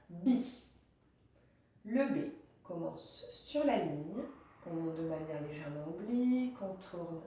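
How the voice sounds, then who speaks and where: A woman teacher explains handwriting slowly and evenly, naming each pen stroke as she makes it. Her voice is mellow and low in brightness. She sits back from the microphone in a very echoey room. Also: distant mic. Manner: calm, step-by-step, narrating each pen stroke. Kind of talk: slow handwriting demonstration. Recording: very roomy, voice off-mic.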